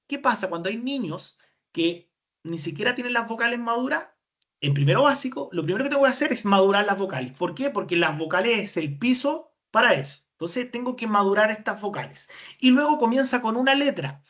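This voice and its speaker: A woman's voice: on the high side, lively intonation, brisk. A woman with a Chilean accent giving a webinar lecture as a speech therapist, explaining step by step and answering her own questions. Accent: Chilean Spanish.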